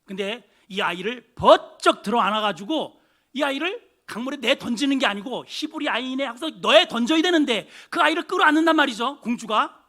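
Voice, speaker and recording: A man preaching a Sunday sermon as pastor, dramatic, swinging from loud exclamations to hushed asides. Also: very high voice, lively intonation, brisk. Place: church sanctuary.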